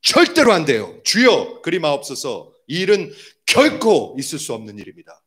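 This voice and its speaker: A man voicing an impetuous adult male disciple who pleads and protests loudly. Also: fairly high pitch, huge pitch swings, moderate pace. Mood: protesting.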